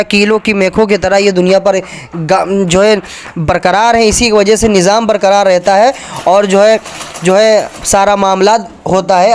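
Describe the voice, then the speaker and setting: A man giving an argumentative religious talk, reading passages from books and pointing viewers to pages. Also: high voice. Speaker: religious speaker.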